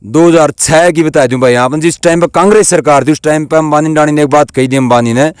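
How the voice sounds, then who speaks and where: A man's voice: fairly high pitch, brisk, smooth, no echo, clean studio sound. A man, giving a heated street interview and talking bluntly and angrily, with swearing.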